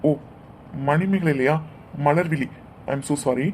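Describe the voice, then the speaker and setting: A man's voice: fairly high pitch, slow pace, darkish tone, slight background noise. A man voicing a joking, teasing older brother in a cartoon family argument. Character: young man, a bantering brother of the bride. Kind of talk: cartoon dialogue acting.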